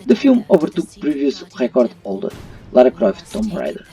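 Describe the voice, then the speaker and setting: A non-native English speaker hosting a retro gaming channel delivers an opinionated review, phrasing things in a non-native way. His warm, mid-range voice swings hugely in pitch at normal speed, recorded from a distance with faint music beneath.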